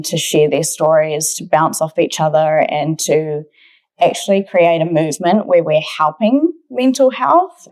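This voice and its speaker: A New Zealand woman in her twenties from Auckland, appearing as a podcast guest, tells personal stories in an earnest, conversational way. Her voice sits slightly low and has a darkish tone.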